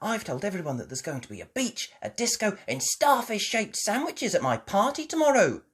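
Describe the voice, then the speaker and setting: A woman voicing Peppa, an excitable little girl pig who talks in a squealing, gushing way. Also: medium pitch, normal speed, slightly rough, voice pushed up. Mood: excited.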